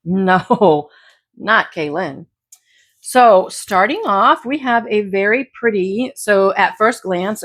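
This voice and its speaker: A woman reselling thrifted clothes, chatting casually and rambling through a haul video, her voice a bit raspy from talking all day. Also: mid-range voice, dry recording. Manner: chatty, rambling, self-correcting. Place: at home beside a pile of clothes.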